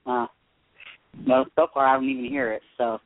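A man's voice: medium pitch, level tone, normal speed, no echo. A man calling in to a talk show as a regular, chatting casually. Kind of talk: casual chat. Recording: narrow, tinny phone line.

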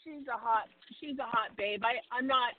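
A woman's voice: fairly high pitch, fairly quick, a loud crowd. A woman caller on a hands-free phone call from her car, chatty and apologetic, laughing often. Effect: hands-free phone call from a moving car. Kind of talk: casual call-in chat. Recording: tinny car speakerphone line.

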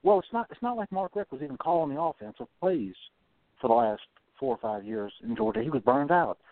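A man's voice: fairly high pitch, lively intonation, fairly quick, dry recording. A man from South Carolina calling in to a radio show over the phone, meandering and hedging as he talks. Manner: meandering, hedging, clears throat often. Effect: heard over the phone. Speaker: radio call-in caller. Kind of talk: casual call-in chat. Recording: tinny phone line, dry.

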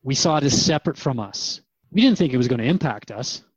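In a radio drama interview, a man plays an earnest, searching radio host, asking questions in a thoughtful, conversational and hesitant way, sounding unsure. His medium-pitched voice is husky, fast and lively in intonation. The audio is lo-fi with no room sound.

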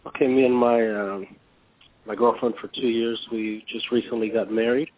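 A man's voice: medium pitch, fairly even intonation, moderate pace. A male caller heard over a phone line on a call-in radio show, talking hesitantly and searching for words. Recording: tinny phone line, dry.

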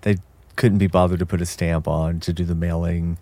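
A man's voice: sits low, flat delivery, normal speed, dark tone, dry recording. A man co-hosting a political chat show, blunt and sarcastic, swearing casually. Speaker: co-host.

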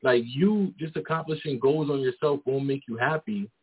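Talking at normal speed in a mid-range voice with a breathy edge, a man in his twenties rambles casually as a guest, repeatedly saying "you feel me." The audio has a tinny, phone-like quality.

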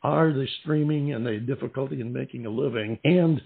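A man's voice: medium pitch, brisk, vocal fry, breathy edge. A male host interviewing a musician, talking in a formal, courteous way with long winding questions. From lived in Southern California. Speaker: radio show host. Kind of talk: interview on a phone line. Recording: tinny phone-line sound.

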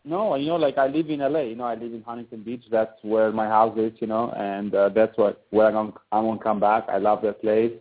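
A man's voice: on the low side, steady tone, a little fast, hardly any pauses. A man from Albania, a professional volleyball player, chatting as a guest on a phone call, rambling and saying "you know" constantly. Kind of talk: casual phone interview. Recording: tinny phone line.

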